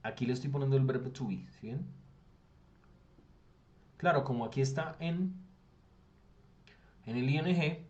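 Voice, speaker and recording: A man's voice: medium pitch, darkish tone, highs cut off. A man with a Colombian Spanish accent teaching an English grammar class online, patiently explaining and often checking that students follow. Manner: reads English text aloud slowly. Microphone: computer mic on a video call.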